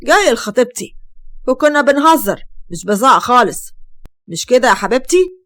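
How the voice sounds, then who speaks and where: A woman's voice: a little high, very animated, brisk, fairly bright tone. A woman with an Egyptian Arabic accent voicing a scheming, controlling young man. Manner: controlling, sly.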